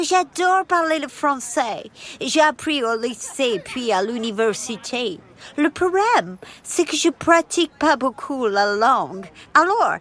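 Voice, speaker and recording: A woman's voice: high voice, fairly bright tone, exaggerated voice. A kind retired American lady. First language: English. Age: older.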